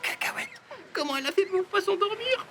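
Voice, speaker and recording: A woman's voice: very high-pitched, sing-song, fairly quick. A woman playing a curious, naive little friend in a children's cartoon. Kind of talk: animated children's show acting. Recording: loud music over the voice.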